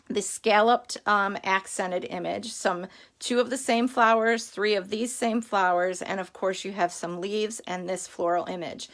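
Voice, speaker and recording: A woman's voice: mid-range voice, vocal fry, fairly bright tone. A middle-aged woman hosting a casual live craft stream, chatty and rambling, greeting viewers by name while she has the hiccups.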